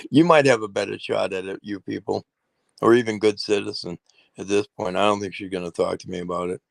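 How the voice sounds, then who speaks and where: Gravelly low-voiced male co-host. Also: fairly even intonation, brisk, no echo. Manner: plotting, doubtful, trails off in restarts. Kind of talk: casual chat.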